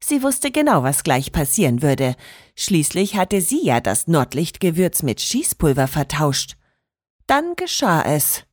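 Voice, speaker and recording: A woman narrating a children's story in an expressive, lively storytelling manner. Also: sits low, unhurried, slightly rough.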